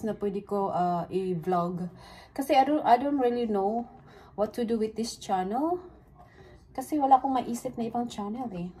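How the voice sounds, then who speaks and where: Indoors in a small home kitchen, a middle-aged home baking vlogger with a Filipino accent talks casually to viewers as she bakes, code-switching between Tagalog and English. Her voice is medium-pitched and warm. The clearly noisy recording comes from a phone at arm's length or propped nearby.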